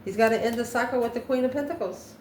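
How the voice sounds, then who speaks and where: Speaking quickly in a slightly high voice, a channel host and tarot reader improvises a card reading, musing aloud and answering her own questions. The room echoes, and there's faint background noise.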